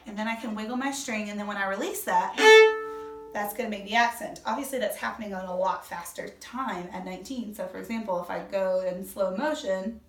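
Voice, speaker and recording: Her mid-range voice comes fairly quickly and over music as she teaches violin, breaking things down step by step and counting beats aloud. The lesson is recorded in an echoey room from a distant mic while a violin plays.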